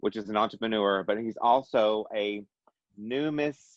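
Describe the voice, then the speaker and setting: A man's voice: lowish voice, no echo, muffled recording. A man hosting a podcast, joking and rambling in casual chat. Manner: joking, rambling, quick bursts. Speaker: podcast host.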